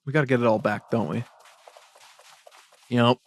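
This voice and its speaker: A man's voice: medium pitch, steady tone, a little slow. A man chatting and joking with friends while playing a game, laughing often and teasing. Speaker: gamer. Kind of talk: casual gaming chat.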